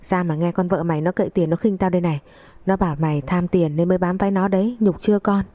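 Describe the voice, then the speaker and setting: A woman's voice: fairly even intonation, quick pace, mellow, dry recording, lightly acted. A woman doing a scolding, spiteful old mother-in-law. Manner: shrill, scolding, abusive.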